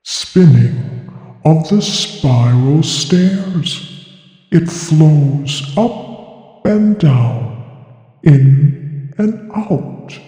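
A woman voicing a polite male manor servant who guides the way, speaking slowly and courteously from a distance. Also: low-pitched, lively intonation, warm tone, pitched below the performer's own voice, heavily acted. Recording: echoey, long reverb, distant.

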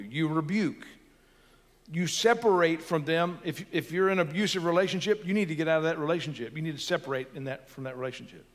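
A man's voice: on the high side, in a large hall. A man preaching a sermon as pastor, earnest and building to emphatic peaks.

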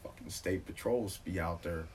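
A man telling a story in casual chat, profane and animated, acting out quotes. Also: deep voice, normal speed, recorded from a distance, slight background noise.

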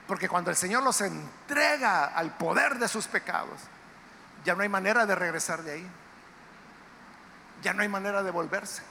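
A man preaching a sermon in a church, emphatic and dramatic, with sudden loud outbursts. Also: high voice, moderate pace, creaky, pauses often. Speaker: pastor. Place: church sanctuary. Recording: reverberant church hall, faint background noise.

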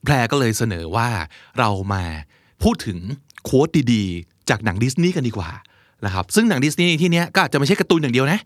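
Young male host, casual and talkative, mid pitch, dry studio sound. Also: fairly quick, dry recording. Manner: chatty, explains quotes with lively asides. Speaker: English vocabulary show host. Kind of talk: casual teaching chat.

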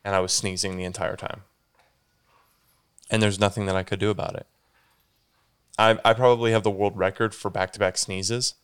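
A young man hosts a casual solo podcast, sounding stuffy and congested as he rambles, corrects himself and says "dude" a lot. His fairly low voice is flat and a bit bright, with a clean tone, moving at normal speed with long pauses.

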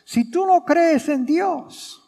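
A man's voice: very high-pitched, animated, extremely slow, warm tone. A priest preaching a sermon at Mass, repeating his key phrases and putting questions to the congregation. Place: church during Mass. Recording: long reverb of a church hall.

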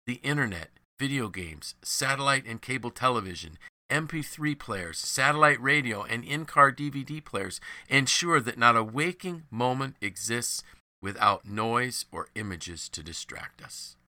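A man reading a devotional story and its moral in a measured, earnest storytelling manner. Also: mid-range voice, expressive, bright, forceful tone, dry recording. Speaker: devotional narrator.

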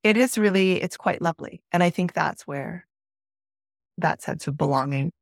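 In clean studio audio with no room sound, a middle-aged woman from Peru reflects on a personal story as a podcast guest, thoughtful and conversational, frequently starting over. She speaks at a moderate pace in a fairly low voice.

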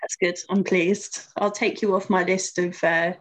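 A woman's voice: fairly low pitch, little pitch movement, unhurried, rough recording. Casual female interviewer, London-area English accent, glottal stops for T's. Everyday conversational delivery. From Luton, England. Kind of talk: casual chat.

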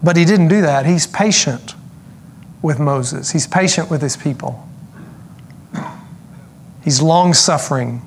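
Earnest preacher man, slightly high voice. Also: slight background noise. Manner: earnest preaching, slows for emphasis, with asides. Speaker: pastor. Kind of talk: sermon.

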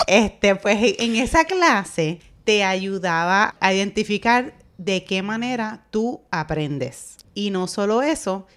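A woman co-hosting a casual podcast, talking in a lively, emphatic way and agreeing readily with her partner. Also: medium pitch, slow. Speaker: podcast co-host.

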